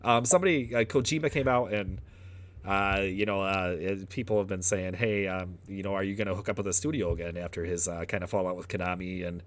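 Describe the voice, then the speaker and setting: Man, very low voice, casual podcast chat, rambling, filler words. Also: steady tone, brisk. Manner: laughs often, rambling with fillers. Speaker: podcast co-host.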